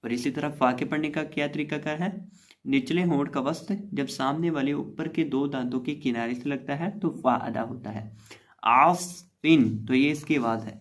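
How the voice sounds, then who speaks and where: A man teaching a tajweed lesson, spelling out syllables slowly and explaining patiently step by step. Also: mid-range voice, steady tone. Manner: spells out syllables slowly, stretching and repeating each word. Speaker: Quran reading teacher.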